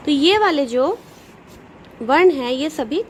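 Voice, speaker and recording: High-voiced woman teaching children. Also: lively intonation, a little hiss or hum, poor audio. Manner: patient, explains step by step, sounds out letters slowly; addresses pupils directly, asks questions then answers them. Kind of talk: Hindi grammar lesson for children.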